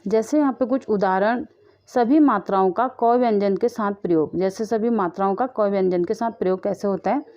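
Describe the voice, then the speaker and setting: A woman teaching young children in a patient, repetitive way, saying each example word slowly and then asking and answering her own questions. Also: medium pitch, dark tone. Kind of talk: children's lesson. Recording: muffled lo-fi audio.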